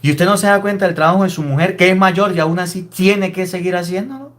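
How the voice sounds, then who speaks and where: High-voiced priest preaching. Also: male voice, fast. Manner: emphatic, scolding preaching with rhetorical questions. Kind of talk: sermon.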